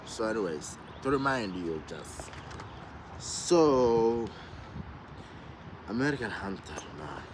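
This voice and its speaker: A man's voice: lowish voice, sing-song, slow, pauses often, slight background noise, poor audio. A man from Somalia talking to his viewers in a loose, rambling vlog, repeating himself and asking "you know what I mean". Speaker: vlogger. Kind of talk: casual rambling monologue.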